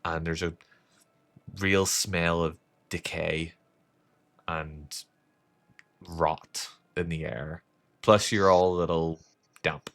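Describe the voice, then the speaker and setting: A man narrating as dungeon master in a tabletop game, setting the scene in a slow, measured way. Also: deep voice, steady tone, fairly bright tone.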